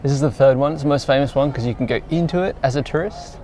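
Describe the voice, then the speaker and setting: A man's voice: mid-range voice, fast talker, darkish tone, slight background noise. A young man chatting casually in a travel vlog, explaining as he goes and filling with "like", recorded outdoors on a tour. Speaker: travel vlogger.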